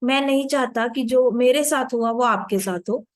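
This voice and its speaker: A woman voicing a humble, determined young king who speaks calmly and earnestly, in a storybook retelling. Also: a little high, normal speed, dry recording, studio quality, lightly acted.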